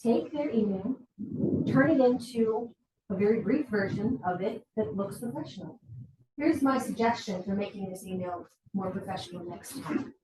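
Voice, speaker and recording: A woman presenting a faculty training talk, lively and acting out what students say, recorded in a college meeting room. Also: mid-range voice, normal speed. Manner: lively, acts out student quotes. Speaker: workshop presenter. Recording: roomy hall, far from mic.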